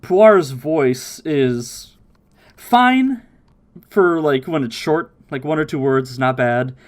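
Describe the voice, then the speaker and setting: Animated man recapping on a podcast. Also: on the high side, slow pace. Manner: animated, mimics characters' voices while recapping. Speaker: podcast host. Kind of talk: casual podcast chat, recapping episodes.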